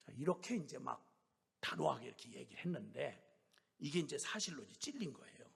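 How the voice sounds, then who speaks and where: A man preaching a sermon as a missionary, telling a story and acting out the people in it, moving between shouting and whispering. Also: mid-range voice, very animated, fairly quick, creaky, husky, big-room sound. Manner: storytelling, acting out scolding dialogue.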